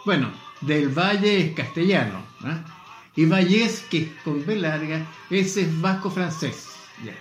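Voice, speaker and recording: Slow-talking Chilean man in his eighties. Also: on the high side, animated, roomy sound, soft background music. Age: 80s. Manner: unhurried, chuckling, self-deprecating. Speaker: guest. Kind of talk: casual radio interview.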